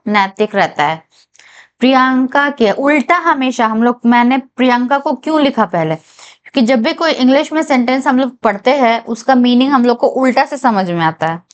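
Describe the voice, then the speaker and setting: A woman teaches a reasoning lesson at a whiteboard, with a clear, smooth voice that sits a little high. She speaks slowly, reads each statement out deliberately and keeps checking that her viewers follow. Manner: slow, careful reading of English statements, checks in with viewers. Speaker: reasoning tutor for bank exams. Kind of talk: whiteboard lesson, Hindi mixed with English.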